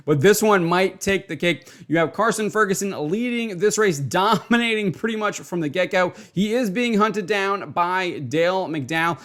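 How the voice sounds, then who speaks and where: Excitable man recapping a race. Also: sits high. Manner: excitable, chuckling, repeats words. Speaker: racing video host. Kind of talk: casual race recap commentary.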